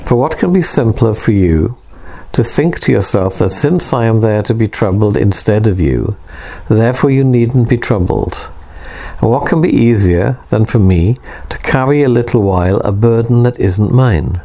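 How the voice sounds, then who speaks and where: Low mellow voice, calm reassuring poet guy in an audiobook, read by a man. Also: moderate pace. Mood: persuasive. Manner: earnest, reassuring. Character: calm, persuasive male poet, gently insistent.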